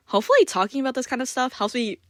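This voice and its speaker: A woman's voice: high voice, a bit bright, no room sound, studio quality. A woman hosting her own podcast, reviewing manga in a casual, unscripted monologue full of "like" and "um," with self-conscious, apologetic asides. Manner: rambling, filler-heavy, frequent "like" and "um".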